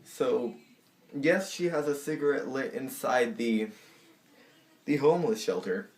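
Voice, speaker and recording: A man telling a storytime vlog in a lively, animated way, slipping into the voices of the people in it. His voice sits in a middle register. The room around him is echoey. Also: medium pitch, unhurried. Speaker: vlogger.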